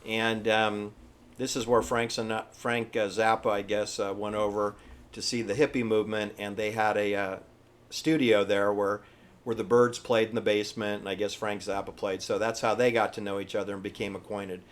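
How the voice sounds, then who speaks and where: A man giving informal, opinionated history commentary in an emphatic, halting, repetitive manner. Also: on the low side, level tone. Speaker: presenter. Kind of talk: informal conspiracy-history commentary over pictures.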